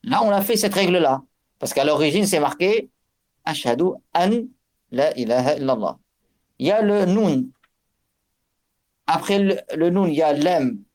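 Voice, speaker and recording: A man with a high, darkish voice teaches tajwid at normal speed, leaving long pauses. As a religious teacher explaining recitation rules, he restarts often, uses fillers, and chants examples in Arabic.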